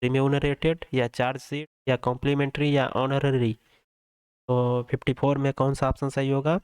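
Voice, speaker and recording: A man with an Indian accent runs a quiz-style vocabulary lesson, slowing down on each English prompt before explaining it in Hindi and putting rhetorical questions to his learners. His voice is smooth and resonant, recorded close and dry with no room sound. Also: mid-range voice, little pitch movement, darkish tone, dry recording. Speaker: English exam tutor.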